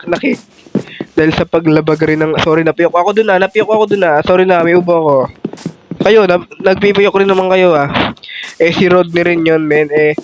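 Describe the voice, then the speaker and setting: A young man with a stuffy nose and sore throat from a cold, giving chatty, casual gameplay commentary and calling out to his viewers. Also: on the high side. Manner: chatty, keeps addressing viewers as "men" and "guys". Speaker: gaming YouTuber. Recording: background music under the voice.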